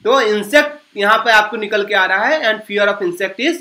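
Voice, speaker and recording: A man teaching a vocabulary lesson, speaking English with an Indian accent. He asks his own questions and answers them, and he repeats key words slowly. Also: high-pitched, pushed and bright, roomy sound, rough recording.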